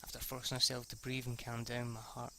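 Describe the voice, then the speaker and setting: With a completely flat delivery that runs a little fast, a man with a mid-range, slightly bright voice reads a visual novel aloud as an amateur let's player, over slight background noise. His narration stumbles and restarts as he rereads lines, and his off-the-cuff reactions turn casually foul-mouthed.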